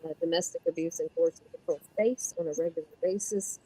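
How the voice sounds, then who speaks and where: A woman on a video call talking earnestly and haltingly, her voice garbled and underwater-sounding as she drifts away from the mic. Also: on the low side, crowd noise. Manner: earnest, halting, many fillers. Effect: garbled, underwater-sounding call audio. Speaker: guest, domestic abuse advocacy leader. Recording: muffled, distant video call audio.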